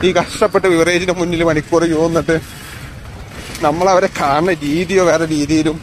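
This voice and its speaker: A man's voice: a little high, fairly even intonation, a little fast. A man walks a busy outdoor street, chatting casually to his viewers as he films on a phone with no external mic. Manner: chatty, addresses viewers as guys. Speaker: vlogger. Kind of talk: casual walking vlog. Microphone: phone camera, no external mic. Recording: phone recording with loud street noise. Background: street traffic and passers-by.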